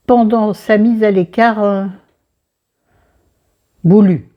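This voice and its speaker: A book vlogger with a southern French accent chats casually about a book while doing her makeup at her dressing table, rambling, digressing and talking to herself. Her voice is medium in pitch, fairly even and slow, and sounds muffled, picked up by a camera facing her mirror.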